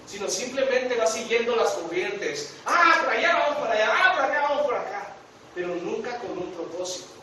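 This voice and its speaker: A man in his thirties with a Guatemalan Spanish accent, preaching a sermon in earnest, rising on his questions and slowing down to read scripture. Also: high-pitched, a little hiss or hum. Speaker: pastor. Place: church sanctuary. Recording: very echoey church hall, voice from a distance.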